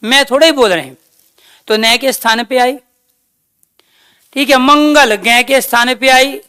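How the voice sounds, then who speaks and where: A woman teaches a grammar class at a slow, dictating pace, stopping to ask her students questions and then answering them herself. Her voice is bright and clear. The recording is dry and close. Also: sits high, no room sound. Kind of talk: online class lecture.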